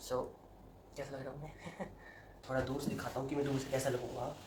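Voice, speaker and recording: A man's voice: mid-range voice, flat delivery, brisk, background noise. Young man vlogging in an echoey room. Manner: chatty Hindi-English mix, dramatic yelps and laughs. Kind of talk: casual chat to camera. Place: indoors at home, roomy.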